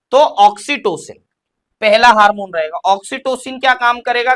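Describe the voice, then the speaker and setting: A young man with a high, pushed, bright voice teaches an exam-prep lecture. He explains step by step, posing questions and then answering them himself.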